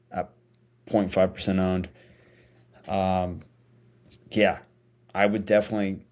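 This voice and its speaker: Low-pitched man talking with a retainer in. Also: a little mellow. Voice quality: slightly impeded speech from wearing a dental retainer. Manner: hesitant, self-correcting, informal. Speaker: host of a fantasy football vlog. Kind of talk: casual solo commentary.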